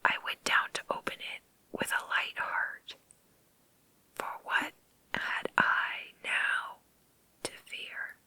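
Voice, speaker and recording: A woman reading a story in a creepy, breathy ASMR whisper, slow and deliberate, close to the microphone. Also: bright, forceful tone, no echo.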